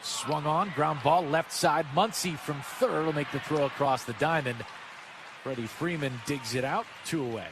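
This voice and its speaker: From a stadium broadcast booth, this American man gives live radio commentary on a baseball game. His slightly high voice moves at normal speed, and a crowd and the surrounding ballpark ambience can be heard clearly behind him.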